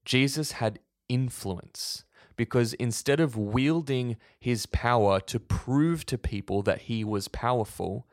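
A man's voice: medium pitch, slow pace, a little mellow, dry recording, clean studio sound. A man co-hosting a faith podcast, explaining in an earnest, preachy way. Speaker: podcast co-host.

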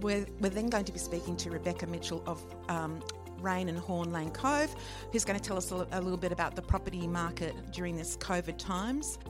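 A woman's voice: on the low side, brisk, over music. A woman, co-hosting a local news podcast in a chatty, upbeat way. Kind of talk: casual chat.

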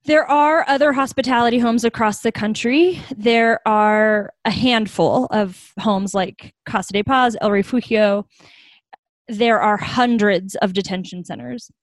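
A woman's voice: on the high side, a little slow, dry recording. A young adult woman, a guest, telling stories in a casual interview, laughing often as she talks. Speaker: founder of a hospitality home, guest.

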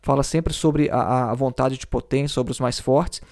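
A man's voice: mid-range voice, fairly even intonation, moderate pace, a little mellow. A man explaining philosophy in a lecture, thinking aloud with many fillers and tag questions. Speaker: teacher.

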